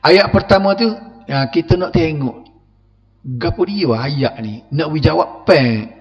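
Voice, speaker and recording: Lively Kelantanese Malay preacher in a reverberant hall. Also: male voice, fairly high pitch, a little slow. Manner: lively, laughing, acts out quoted voices, questions the audience. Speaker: religious lecturer. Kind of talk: mosque evening lecture explaining Quran verses. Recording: muffled recording with long reverb.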